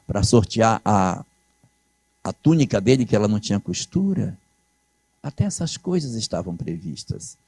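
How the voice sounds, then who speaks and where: A man delivers a spiritist lecture, walking his audience through scripture and reading the passages with dramatic weight. His voice is dark and mellow, recorded dry and close. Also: mid-range voice, dry recording. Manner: expository, quotes scripture with dramatic emphasis.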